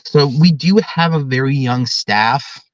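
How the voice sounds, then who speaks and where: A man's voice: medium pitch, measured pace, no room sound. Earnest young man, dull dry sound. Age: 20s. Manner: earnest, talkative, explains at length. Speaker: drum corps director. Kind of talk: podcast interview.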